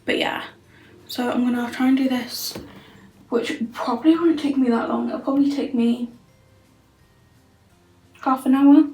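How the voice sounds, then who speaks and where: A woman's voice: sits high, steady tone, unhurried, pauses often, darkish tone, reverberant, soft background music, low-quality recording. A young woman vlogging casually from a bedroom, rambling through her plans with lots of fillers. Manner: rambling, filler-heavy, thinking aloud. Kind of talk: casual vlog chat. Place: bedroom indoors.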